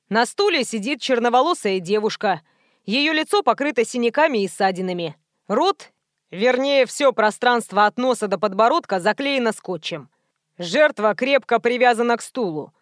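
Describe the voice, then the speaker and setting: Audiobook: a woman doing a brusque male film director, curt and commanding, rather high voice. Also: no echo, clean studio sound, lightly acted. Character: rude bossy male low-budget film director.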